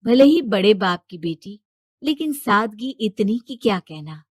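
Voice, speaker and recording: A woman's voice: medium pitch, lively intonation, unhurried, husky, no echo, clean studio sound. A woman narrator telling a scripted story.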